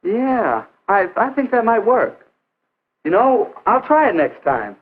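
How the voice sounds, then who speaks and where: A young man acting an earnest, hesitant high school athlete in the stilted style of a 1950s educational film. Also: very animated, slow, exaggerated voice. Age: teens or young adult. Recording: narrow phone-like 1950s film soundtrack.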